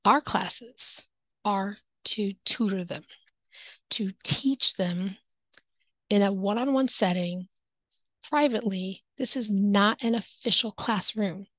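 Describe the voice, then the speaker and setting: A woman's voice: medium pitch, slow, a bit bright, no echo, rough recording. A native English-speaking woman who teaches English online, chatting casually to camera with tips. She acts out classroom exchanges and sometimes drops into whispered asides.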